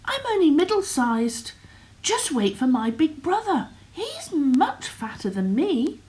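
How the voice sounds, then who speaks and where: A woman voicing the middle billy goat, a bold, clever goat who speaks loudly in a storybook reading. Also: sits high, very animated, slow pace, pitched above the performer's own voice, heavily acted, poor audio. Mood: loud, bargaining. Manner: loud and raised.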